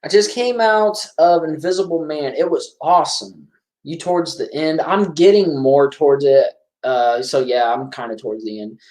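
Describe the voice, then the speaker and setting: A man's voice: on the high side, normal speed, darkish tone. A man hosting a casual live-stream movie commentary, chatty and rambling, often correcting himself as he talks. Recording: roomy echo.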